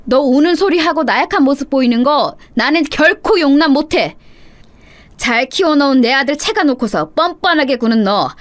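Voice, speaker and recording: Shrill, bossy old mother-in-law, loud and cutting, read by a woman narrator. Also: animated, moderate pace. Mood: scornful. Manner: shrill, berating, sharp-tongued. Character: harsh scolding elderly mother-in-law. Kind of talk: dramatized story reading.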